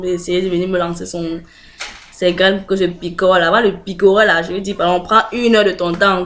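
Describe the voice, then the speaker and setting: A woman with a French accent chatting casually to her viewers, hesitant and full of fillers, laughing often. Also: lowish voice. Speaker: video blogger. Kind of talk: casual direct-to-camera chat.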